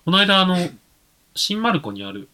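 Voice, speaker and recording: A man co-hosting a podcast in relaxed casual chat, laughing often. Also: high-pitched, normal speed. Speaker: podcast co-host.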